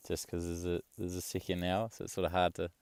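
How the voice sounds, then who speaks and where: Deep gravelly man, easygoing. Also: normal speed, no echo. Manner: relaxed, rambling, swears casually. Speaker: travel vlogger. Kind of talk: casual chat.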